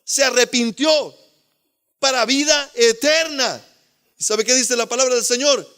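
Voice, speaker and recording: A male pastor preaching a sermon with fervor, swinging between loud exclamations and hushed asides and calling listeners beloved brother. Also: very high-pitched, unhurried, clear, resonant tone.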